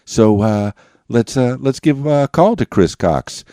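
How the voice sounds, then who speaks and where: A man hosting a podcast interview, talking with many halting fillers and restarts. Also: medium pitch, lively intonation, warm tone, no room sound, studio quality. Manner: halting, filler-heavy, chuckling. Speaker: podcast host. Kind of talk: casual interview.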